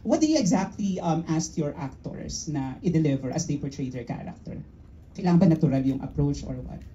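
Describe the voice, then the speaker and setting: Low, mellow-voiced Filipino woman reporter. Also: animated, a little fast, dull audio, a little hiss or hum. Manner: questions in Taglish with fillers. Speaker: entertainment reporter. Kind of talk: press conference questions.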